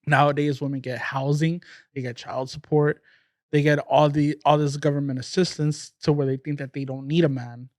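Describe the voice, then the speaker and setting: A man's voice: on the high side, level tone, moderate pace, no room sound, studio quality. A man co-hosting a podcast in casual chat, arguing his views bluntly and swearing now and then. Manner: argumentative, blunt, curses. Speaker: podcast co-host.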